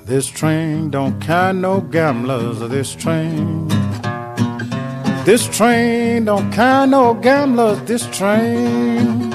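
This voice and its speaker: Old recording of a high-voiced male blues singer. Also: drawn-out words. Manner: repetitive chanted verses that leap up to high sung lines. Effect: old 1950s recording. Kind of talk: singing a blues song with guitar. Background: guitar.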